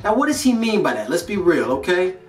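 Against a plain grey backdrop in an indoor studio, this thirty-something American from North Carolina, host of a motivational video series, talks to camera in a high, sing-song voice, a little fast. His casual pep talk is emphatic and slangy. The audio is very noisy, with roomy echo, a distant mic, and background music.

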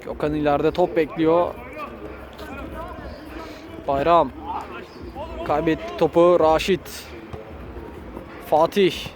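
A man's voice: on the high side, level tone, takes it slowly, long pauses, a crowd in the background. A man giving live play-by-play football commentary in short, clipped phrases, raising his voice for shots and goals. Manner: short, clipped phrases naming players and moves.

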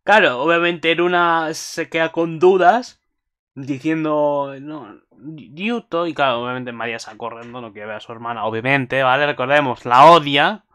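A man's voice: on the high side, steady tone, normal speed, fairly bright tone, clean tone. A man casually recapping an anime episode for his channel, rambling and swearing freely with asides to viewers.

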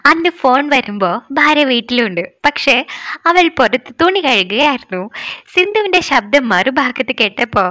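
A woman reads a story aloud in the first person, steady and measured. Her voice is high and bright, with a forward edge. The sound is close and dry. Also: dry recording. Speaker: story narrator. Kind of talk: scripted narration of a story.

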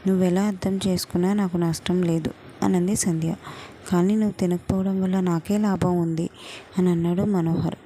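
A woman reads a love story aloud in a low, mellow voice. Her tone stays flat and steady, even when her characters argue. A faint hiss sits under the recording. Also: moderate pace. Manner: reads every part in her own voice, even and calm. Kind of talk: storybook narration.

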